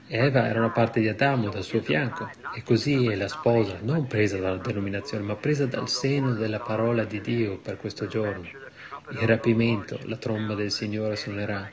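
Gravelly male preacher, fervent sermon. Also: lowish voice.

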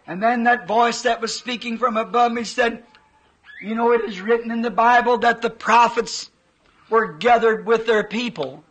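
Fervent preacher man, slow and bright. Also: very high voice, steady tone, low-quality recording. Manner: fervent storytelling with folksy grammar. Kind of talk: sermon recounting a vision.

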